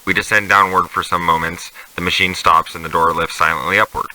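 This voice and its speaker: A man with a deep, sharply bright voice reads a first-person journal aloud. His delivery is measured and deliberate, like a log being read entry by entry. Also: flat delivery, slight background noise, low-quality recording. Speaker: narrator reading a journal aloud.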